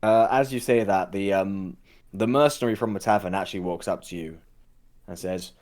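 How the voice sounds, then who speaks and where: A man's voice: low voice, normal speed, a little mellow. A man running a tabletop game as game master, narrating casually with frequent laughs and fillers.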